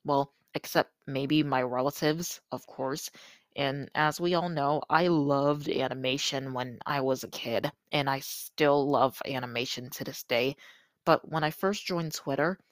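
An eighteen-year-old podcast host talking casually in a slightly crusty, somewhat monotone voice, recorded with earbuds used as a microphone. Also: mid-range voice, unhurried, dry recording. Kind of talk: casual solo podcast talk.

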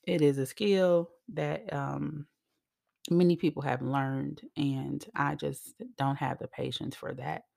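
Low, gravelly-voiced woman podcast host. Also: slow pace. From Chicago, United States. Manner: chatty and excitable, addresses listeners directly with "honey" and "you guys". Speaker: podcast host and psychic medium. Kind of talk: casual solo podcast talk.

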